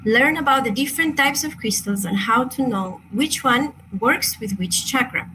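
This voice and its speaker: Over background noise, a Chilean woman with a slightly high voice, lively intonation and normal speed leads an online crystal workshop. A native Spanish speaker with a Chilean accent, she's hesitant and apologetic, filling pauses and restarting often.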